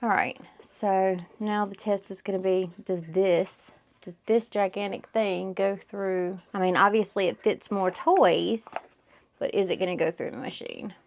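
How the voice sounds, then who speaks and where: A woman's voice: medium pitch, steady tone, measured pace. A woman crochet vlogger chatting casually about her studio work, rambling a little and swearing now and then. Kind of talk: casual studio vlog chat. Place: home craft studio.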